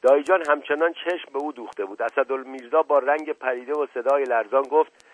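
Measured male audiobook narrator. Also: medium pitch, no echo, poor audio. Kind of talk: scripted narration.

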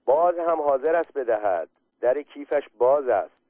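A man's voice: mid-range voice, lively intonation, dry recording, lightly acted. A man reading aloud and voicing Jafar, a fussy, lecturing male creature who whines and scolds, over a thin, phone-like line. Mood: shrill. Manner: pedantic, lecturing and whining. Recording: tinny phone-like line, dry.

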